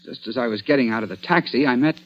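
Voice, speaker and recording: Here the same stubborn young man-about-town of the old-time radio mystery speaks quickly, his mid-range voice lightly acted. He comes across groggy and pleading, exclaiming dramatically, and the vintage recording is dull and band-limited.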